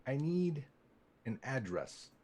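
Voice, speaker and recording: A man playing a tabletop role-playing game, improvising dialogue in a wry, halting way. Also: mid-range voice, big pitch swings, darkish tone. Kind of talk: improvised in-character table talk.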